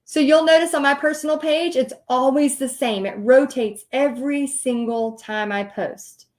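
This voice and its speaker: A middle-aged woman with a Texan accent speaks in a high voice at a moderate pace. She hosts a chatty livestream teaching the paint party business, talking straight to her viewers and laughing often.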